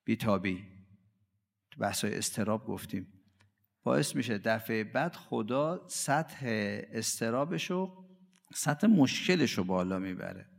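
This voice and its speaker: A man preaching a religious sermon. He swings dramatically between loud and hushed delivery and acts out quoted voices and everyday cries. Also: lowish voice, lively intonation, creaky, in a large hall.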